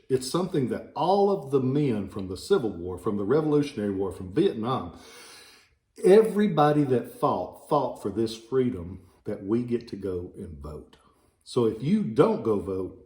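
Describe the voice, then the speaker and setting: Speaking in a mellow, medium-pitched voice, a man with a faint Southern American accent rambles through a casual informational video. He deals in relics and is showing ballots, tossing in folksy jokes as he goes, and the room around him echoes.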